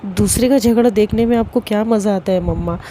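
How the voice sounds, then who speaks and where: Brief: woman narrator putting on a sulky young woman, sharp-tongued and short with her parents, mellow low-key tone. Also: fairly quick, slight background noise, natural voice. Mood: irritated. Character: upset young woman snapping at family.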